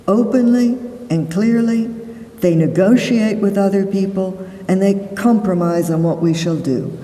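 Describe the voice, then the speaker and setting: A woman psychologist giving a conference lecture, explaining deliberately and stressing key words. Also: fairly low pitch, mellow. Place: large conference hall. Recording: echoey hall, voice from far off the mic.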